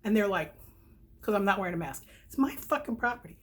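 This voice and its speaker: Her mid-range voice is expressive, fast, and slightly rough as she rambles candidly about products, frequently correcting herself. The speaker is a middle-aged woman from New York, United States, who works as a vlogger and direct-sales consultant. Her s sounds have a whistling, somewhat spitty quality.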